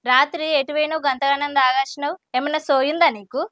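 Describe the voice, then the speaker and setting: A woman acting out a young bride, scolding and hurt. Her voice is high, and the sound is dry and close to the mic. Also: steady tone, quick pace, a bit bright, no echo. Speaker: newly married wife in a village short film. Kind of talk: village family drama acting.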